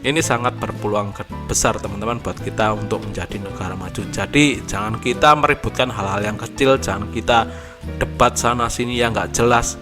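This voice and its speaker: A man's voice: lowish voice, fairly quick, music in the background. A man hosting a reaction video, talking casually to viewers and laughing often.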